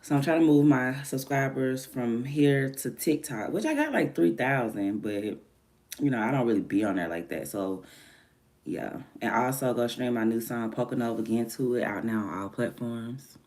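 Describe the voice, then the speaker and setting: Speaking at normal speed, a woman chats casually on a morning livestream from home, her voice deeper than usual since she's just woken up. The livestreamer and music artist is expressive as she rambles from soft murmurs to livelier bursts.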